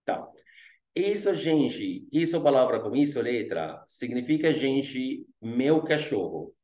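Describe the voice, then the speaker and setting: A man's voice: medium pitch, big pitch swings, a little mellow. Man with an Arabic accent, patient language teacher, echoey room, slightly dull sound. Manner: explains slowly with many fillers like "gente" and "tá". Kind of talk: online language lesson.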